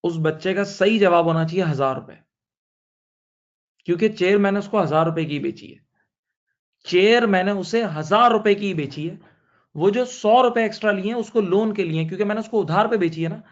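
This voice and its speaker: High-voiced male teacher repeating key points. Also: moderate pace, muffled recording. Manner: repeats key points, asks and answers his own questions; tells a story to explain. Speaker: accounting teacher. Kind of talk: classroom lecture.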